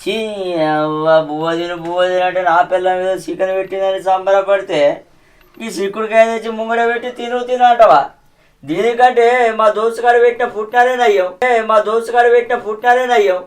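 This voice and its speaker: An actor with a Telangana accent playing a boastful, slurring drunken village husband. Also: male voice, high-pitched, steady tone, fast, clean tone, natural voice. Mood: grumbling. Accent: Telangana Telugu. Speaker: actor in a village comedy drama.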